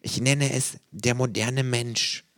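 A man voicing a cheeky, scheming male kangaroo in an audiobook, with a loud, breezy, mocking delivery. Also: fairly high pitch, brisk, pitched above the performer's own voice, close to an everyday voice. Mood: whispering. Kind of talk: audiobook character voice.

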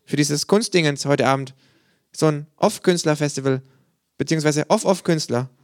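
A man puts on a brash, scheming kangaroo for an audiobook, his voice pushed well above his own low register. The delivery is loud, breezy and mocking. The recording is dry and close. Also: moderate pace, no room sound, close to an everyday voice. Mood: glib, boastful. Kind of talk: audiobook character voice.

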